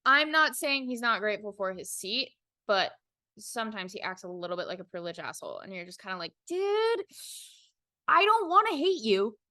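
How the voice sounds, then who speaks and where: A woman's voice: mid-range voice, fast talker, sharp tone, no room sound, clean studio sound. A young woman co-hosting a podcast, ranting with emphatic opinions in casual chat. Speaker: podcast co-host.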